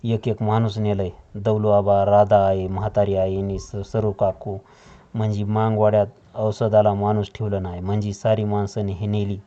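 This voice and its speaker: A man's voice: on the low side, level tone, moderate pace, mellow, close to an everyday voice. A man voicing an anxious rural messenger who speaks in village dialect. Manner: rustic village speech. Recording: dull lo-fi audio.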